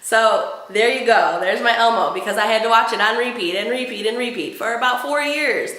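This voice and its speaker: A woman's voice: a little high, a little fast, pushed and bright, reverberant, rough recording. A woman with a cold talking to camera about motherhood in a chatty, wry, self-mocking way. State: has a cold. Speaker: mom vlogger. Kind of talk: casual chat to camera.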